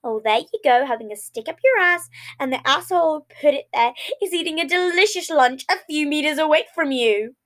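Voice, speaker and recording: A woman's voice: high voice, lively intonation, brisk, few pauses, fairly bright tone, pitched above the performer's own voice. A woman voicing a manic, morbid young man who blurts out gory jokes while reading fan fiction aloud.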